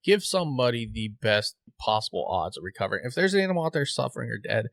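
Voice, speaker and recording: A man's voice: medium pitch, big pitch swings, quick pace, gravelly, fairly bright tone, no room sound, studio quality. A man hosting a podcast, chatting informally and emphatically, often repeating words to make his point. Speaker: podcast host. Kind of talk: casual podcast chat about hunting.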